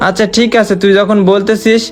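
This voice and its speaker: A young man acting out an earnest, sorrowful man just back from years of work abroad, who talks in a heartfelt, pleading way. His voice sits high. Soft music plays faintly underneath. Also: level tone, fairly quick, natural voice. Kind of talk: amateur short-film acting. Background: faint background music.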